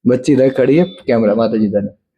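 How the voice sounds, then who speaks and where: A man giving a devotional talk, telling stories in an animated way and playfully acting out the people in them. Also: medium pitch, brisk. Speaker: preacher.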